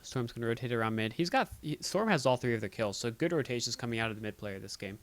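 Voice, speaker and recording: A man with a booming voice doing live play-by-play commentary on a video game match. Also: lively intonation, fast, no room sound. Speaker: esports play-by-play caster.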